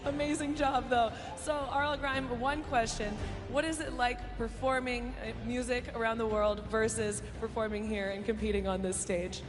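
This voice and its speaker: A woman's voice: fairly high pitch, fairly even intonation, normal speed, over music. Upbeat female interviewer in a reverberant arena. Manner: upbeat, friendly questions. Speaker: on-floor interviewer. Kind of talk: post-match interview. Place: large arena floor.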